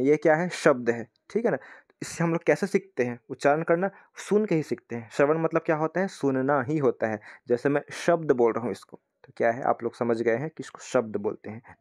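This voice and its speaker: A young man works through exam questions as a teacher. He keeps putting questions to his students and answering them himself, often stopping to say "thik hai." His voice sits at a middling pitch. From India. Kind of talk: explaining test questions in a lesson.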